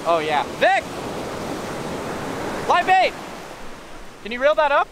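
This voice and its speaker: A man in his thirties casually narrating on camera as he fishes from a beach, explaining each step and getting excited when fish bite. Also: very high-pitched, slow pace. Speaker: fishing vlogger. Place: sandy beach outdoors by the surf. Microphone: action camera, head-mounted and handheld. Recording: outdoor beach audio with loud surf and wind. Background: crashing waves and wind.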